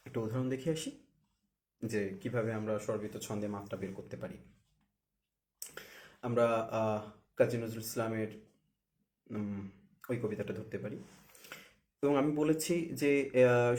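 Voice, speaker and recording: A man in the middle of a spoken tutorial on poetic rhythm, his voice at an ordinary pitch. He explains patiently, pausing on fillers, and slows right down to sound out single syllables as he counts beats. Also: a little mellow. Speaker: recitation teacher.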